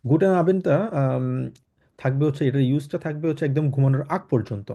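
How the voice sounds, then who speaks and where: A man's voice: medium pitch, quick pace, warm tone. A man from Bangladesh teaching a German class online, explaining patiently with many fillers and mixing in English and German words. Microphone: video call. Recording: dull lo-fi online call audio.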